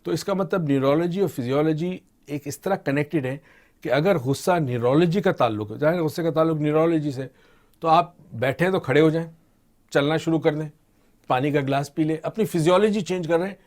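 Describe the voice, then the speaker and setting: A middle-aged man explaining ideas to a host in an unhurried teaching way, slipping English terms into his talk. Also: on the high side. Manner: calm teaching tone, mixes English terms into Urdu. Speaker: expert guest on motivation and mind training. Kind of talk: explanatory discussion.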